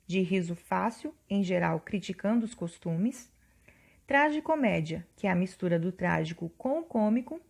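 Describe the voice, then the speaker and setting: A woman teacher explaining literary genres and reciting a sonnet in a slow, measured cadence, counting syllables aloud one by one. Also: on the low side, vocal fry, darkish tone. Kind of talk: recorded literature lesson.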